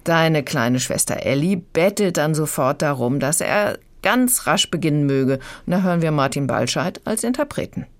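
A woman's voice: sits low, lively intonation, normal speed, hardly any pauses. A woman critic chattily summing up a children's book on the radio. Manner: chatty, summarizing.

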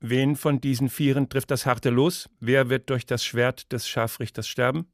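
A man voicing a commanding medieval landgrave, loud and slow, in a dramatic story reading. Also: medium pitch, fairly even intonation, dry recording, clean studio sound, close to an everyday voice. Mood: stern.

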